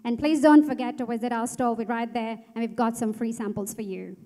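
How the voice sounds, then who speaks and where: A woman co-founder pitching her startup, upbeat and speaking directly to the audience. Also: fairly even intonation, brisk, warm tone. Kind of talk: pitch presentation. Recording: long hall reverb.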